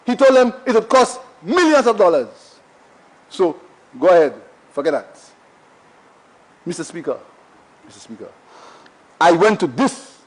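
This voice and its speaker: A man's voice: on the high side, rough recording. A Saint Lucian man giving an impassioned, repetitive parliamentary speech, full of rhetorical questions, in a parliament chamber. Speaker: member of parliament.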